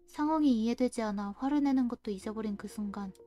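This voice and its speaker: Woman streamer, steady storytelling read of game text, a little high-pitched, faint music behind. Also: quick pace. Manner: reads narration in a steady storytelling voice. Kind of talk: let's-play reading game text aloud.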